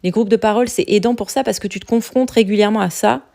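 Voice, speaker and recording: A woman from France chats in a relaxed podcast conversation. Her mid-range voice has a gravelly, creaky texture. She talks with many fillers, restarts and easy laughs. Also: mid-range voice, fast. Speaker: podcast guest sharing expat experience.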